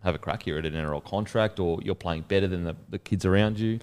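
A man's voice: sits low, fast talker, clear, resonant tone. A man with an Australian accent hosting a casual interview, encouraging his guest with frequent short replies. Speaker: podcast host.

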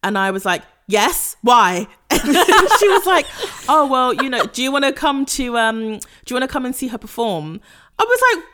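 A young woman, a podcast guest, telling a story in casual chat, laughing and acting out quotes in a high voice. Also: expressive, moderate pace, a bit bright.

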